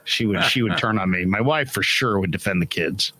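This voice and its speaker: A man's voice: on the low side, brisk, bright, forceful tone. A middle-aged man hosting a casual chat over a video call, wisecracking and reading chat comments aloud. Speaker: host.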